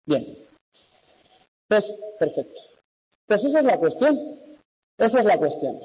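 A man's voice: sits high, sing-song, slow, dark tone, husky. A man with a Spanish accent from Spain lecturing conversationally in an echoing classroom, often checking that students follow. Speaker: university lecturer. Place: large echoey classroom. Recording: echoey classroom, long reverb, dull sound.

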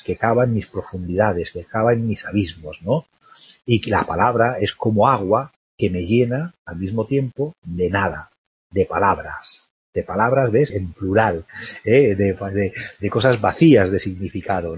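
Man, poetry lecture, husky low voice, dry lo-fi recording, tag questions throughout. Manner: constant tag questions, thinking aloud. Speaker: literature teacher. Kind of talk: recorded lecture analyzing a poem.

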